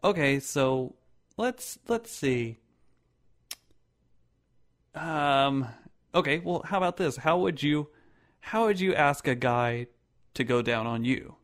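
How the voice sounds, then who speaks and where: A man's voice: fairly high pitch, lively intonation, slow pace, long pauses, a bit bright. A young man in casual chat, laughing often, swearing freely and talking in hesitant bursts. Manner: laughing, profane, hesitant with fillers.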